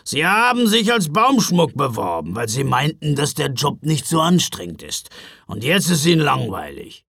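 A grumpy old Christmas helper snaps and grumbles in a rough, gravelly voice, put on by a man reading a storybook. He sounds curt and weary, with his pitch rising and falling widely. The recording is dry and close. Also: wildly swooping pitch, normal speed, a bit bright, no room sound, exaggerated voice. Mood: weary explaining. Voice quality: gravelly growl. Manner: curt, irritated, snapping. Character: gruff grumpy old Knecht Ruprecht, impatient.

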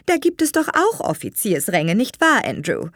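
A woman's voice: mid-range voice, huge pitch swings, normal speed, a bit bright, dry recording, studio quality, voice pushed up. A woman voicing a haughty, mocking upper-class mother in an audiobook reading. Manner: mocking, smooth.

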